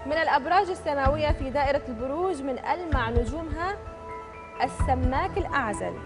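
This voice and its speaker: A woman hosting a televised quiz show from a studio, reading out questions and answer options crisply and upbeat. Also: high-pitched, quick pace. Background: show music.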